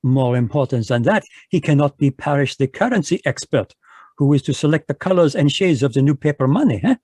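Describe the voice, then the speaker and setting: Here a man voices a fussy Belgian detective, middle-aged and smug, affecting a French accent in an old-fashioned radio play with a pompous, polite manner. The voice is somewhat high, mellow, and animated, moving fairly quickly. There's no room sound and the quality is studio-grade, despite the video call microphone.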